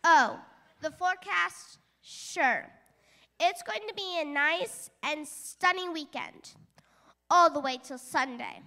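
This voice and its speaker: A woman's voice: extremely high pitch, takes it slowly, sharp tone, heavily acted. A woman playing a bubbly female weather forecaster on a news show.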